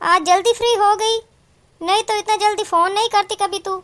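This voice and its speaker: This cartoon voice actress uses a very high, somewhat bright voice with fairly even intonation and normal speed. She plays a middle-aged mother who fusses over her daughter and indignantly berates the in-laws.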